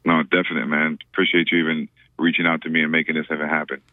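A man from Trinidad with a very deep voice talks quickly and easily, looping back on his words with lots of fillers. He comes through a dry, tinny phone line. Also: flat delivery, no echo. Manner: laid-back, repeats words, many "you know" fillers. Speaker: reggae musician guest. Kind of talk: casual radio interview.

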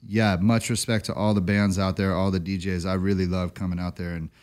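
A man's voice: low voice, level tone, fairly quick, a little mellow. A man hosting a radio show, interviewing a guest in an easygoing, enthusiastic and respectful way.

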